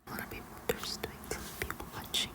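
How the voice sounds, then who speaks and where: Whispering woman reading ASMR, hushed librarian style. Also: quick pace. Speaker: ASMR reader.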